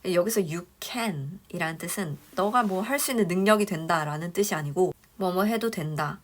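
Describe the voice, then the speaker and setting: A woman teaching English phrases for a dental clinic front desk, explaining step by step and slowing down for each English phrase. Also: fairly low pitch. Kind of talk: spoken lesson.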